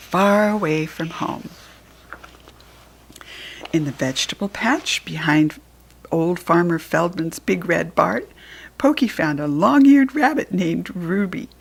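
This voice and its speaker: Narrating a children's storybook, this American-accented woman leans into each stressed word with expressive, deliberate storytelling flair. She sounds a little husky and creaky, and her pitch rises and falls in big, animated sweeps.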